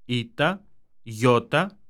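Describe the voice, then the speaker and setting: A man reading example sentences for a language lesson in a slow, careful way. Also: medium pitch, lively intonation, a bit bright, clean tone.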